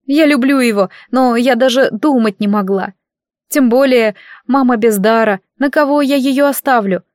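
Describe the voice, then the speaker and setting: A woman's voice: a little high, normal speed, darkish tone, dry recording, clean studio sound, pitched above the performer's own voice, lightly acted. A woman reading the lines of a tearful teenage girl from a village who keeps crying while she talks. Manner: sobbing, pleading.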